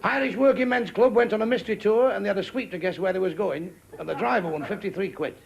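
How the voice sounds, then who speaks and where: A man's voice: high voice, gravelly. A man doing a crude, brash stand-up comedy routine before a live audience in a comedy venue. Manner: brash, crude joke-telling with quick quoted exchanges. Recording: noisy live room with a laughing crowd.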